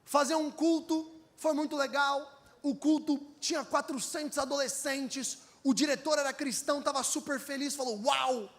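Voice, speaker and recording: High-voiced Brazilian pastor preaching animatedly. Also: male voice, normal speed. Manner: animated, acts out voices in his stories, calls on the congregation to repeat. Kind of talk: energetic sermon with storytelling.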